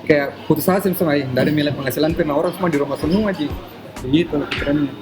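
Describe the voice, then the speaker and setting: A man with a Makassar accent hosting a casual interview in a coffee shop, relaxed and hesitant, with many fillers. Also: fairly high pitch, racing. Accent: Makassar Indonesian. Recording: music playing in the background.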